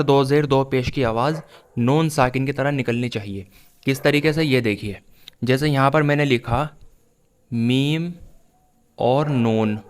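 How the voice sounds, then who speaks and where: A man with a clear, smooth voice leads a reading lesson. He explains each point patiently and step by step, then drills the sounds again and again in a repetitive, steady cadence. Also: medium pitch. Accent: Pakistani Urdu. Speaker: Quran reading teacher.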